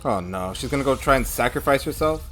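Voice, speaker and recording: Woman reaction host, low register, swooping expressive delivery, casual commentary, music underneath. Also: fast talker.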